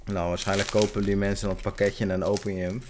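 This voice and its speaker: A man's voice: lowish voice, level tone, quick pace, noisy background. A young man casually commentating on a livestream and reading out card names. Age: young adult. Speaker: card pack-opening streamer. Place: small home room with shelves, indoors.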